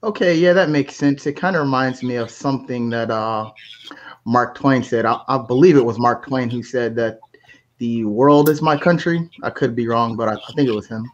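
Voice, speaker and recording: American podcast host on a muffled line. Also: male voice, medium pitch, moderate pace. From United States. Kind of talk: casual conversation. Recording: slightly muffled with faint hiss.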